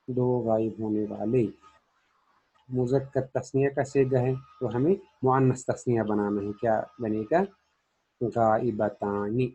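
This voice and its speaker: Mellow, husky male grammar teacher. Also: mid-range voice, rough recording. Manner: patient, repeats question-and-answer drills. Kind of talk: classroom grammar lesson.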